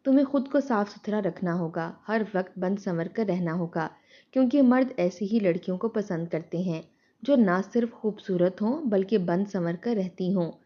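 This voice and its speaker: A woman's voice: mid-range voice, muffled recording, close to an everyday voice. A woman doing a bossy scheming village aunt. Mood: insistent. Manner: insistent, lecturing.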